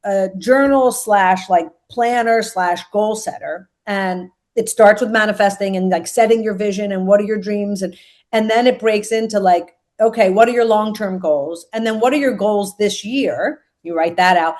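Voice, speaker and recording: Woman, 50s, guest on a chat show, loose and talky, mid-pitched, starts sentences over. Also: normal speed, a little mellow. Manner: rambling, many fillers and restarts. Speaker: podcast guest, food company founder. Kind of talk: casual chat.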